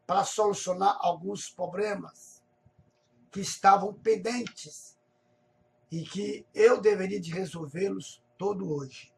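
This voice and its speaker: A male pastor telling a personal testimony in a sermon, slowly restating each phrase in several ways. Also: high-pitched, darkish tone. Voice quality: gravelly, husky voice. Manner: slow, repetitive, rephrasing each phrase.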